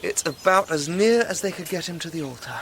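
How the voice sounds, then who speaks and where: In a naturalistic radio drama, an actor plays a chummy, eager English amateur archaeologist who talks in an old-fashioned, enthusiastic way. His male voice sits high and sounds gravelly and expressive, delivered fairly quickly over some background noise.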